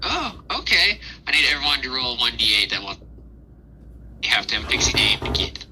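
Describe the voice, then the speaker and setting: A man's voice: medium pitch, fast, sharp tone, a little hiss or hum, low-quality recording. A man narrating a tabletop game as game master in a casual, informal, conversational way. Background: music.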